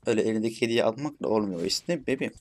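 A man's voice: fairly low pitch, lively intonation, rapid-fire, slight background noise. A young man giving casual gameplay commentary, chatty and cursing playfully at the bots. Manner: chatty, swears playfully at bots, shouts when frustrated. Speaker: gaming YouTuber.

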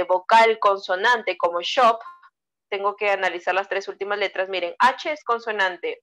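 Giving a bilingual online English lesson, a Peruvian woman walks through the grammar step by step and compliments her students. She has a mid-range, slightly bright voice and a Peruvian Spanish accent, heard on a rough recording.

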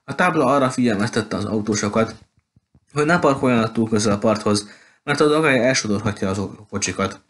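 A man reading a novel aloud at a steady pace, with occasional slips and restarts. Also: on the low side. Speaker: audiobook reader.

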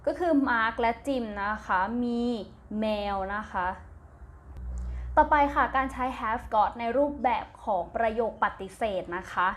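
A woman with a Thai accent, her voice a little high and slow, teaches a primary English lesson. She spells each word letter by letter, says it twice, then explains what it means. Gentle and patient, she closes her phrases with polite particles in this slow recorded classroom lesson.

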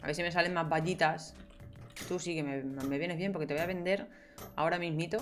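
A woman's voice: low voice, steady tone, fairly quick, faint music behind. Chatty young woman gaming. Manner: chatty, talks to herself and viewers, playful exclamations. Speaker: gameplay streamer. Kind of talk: casual gameplay commentary.

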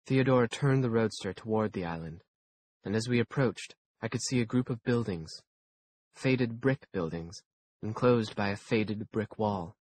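A male audiobook narrator tells a first-person story in a measured, dry way. His voice is fairly low and a little husky. He reads at an even pace.

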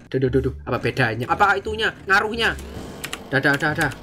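A woman with a Javanese-inflected Indonesian accent, giving excitable gameplay commentary, often shouting and fretting and dropping English slang. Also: sits low, brisk, slight background noise. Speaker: gaming YouTuber.

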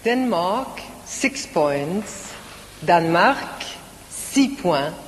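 Slow, measured woman contest presenter. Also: fairly low pitch, animated, a little hiss or hum. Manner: repeats each score in English then French, measured. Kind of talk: live broadcast presenting. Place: large concert hall. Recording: live broadcast from a concert hall with audience.

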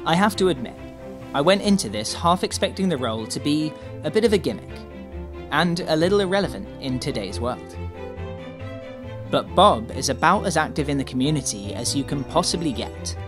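A man's voice: on the high side, expressive, normal speed. A man reading scripted narration for a feature report as its reporter. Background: music.

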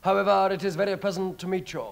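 An actor playing a vain, wicked lord in a Wilde parody stage comedy, arch and self-admiring. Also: male voice, sits high, steady tone, fast talker, gravelly. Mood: smug. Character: languid, vain, wicked aristocratic wit.

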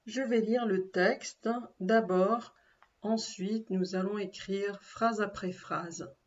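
Woman teacher reading a dictation, deliberate and repetitive, mid pitch, muffled recording. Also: fairly even intonation, darkish tone, a little hiss or hum. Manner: slow and deliberate, repeating and spelling words aloud. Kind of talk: dictation lesson.

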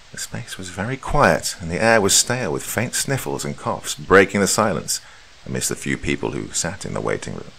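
A man reading a horror story aloud as a podcast host, dramatic and measured. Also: sits low, creaky, a bit bright, low-quality recording.

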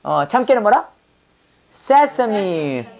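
A woman teaching English vocabulary in a playful, lively manner. She uses call-and-repeat drills and pun stories. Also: mid-range voice, very slow, gravelly. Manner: lively, playful, tells pun stories and acts out quoted voices.

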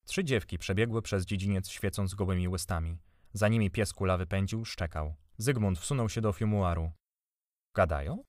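A man reading a literary audiobook in an expressive, measured storytelling way. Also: sits low, no echo, studio quality. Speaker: audiobook narrator.

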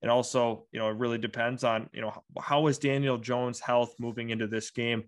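A man's voice: mid-range voice, steady tone, a little fast. A young man co-hosting a sports show, giving casual game analysis with many fillers like "you know". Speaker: sports podcast co-host.

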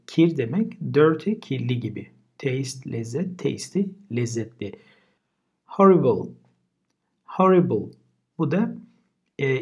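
A man's voice: mid-range voice, darkish tone, slightly rough. A man teaching English vocabulary in a casual lesson. He says each word twice and then explains it. Turkish is his first language.

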